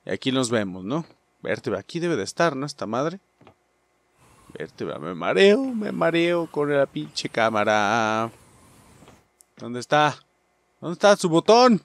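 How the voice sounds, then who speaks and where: A man with a Mexican accent commenting on a game he is playing, cursing constantly and shouting at enemies. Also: mid-range voice, a little slow, long pauses, no echo. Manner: profane, excitable, shouts at enemies. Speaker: gaming channel host. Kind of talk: let's play commentary.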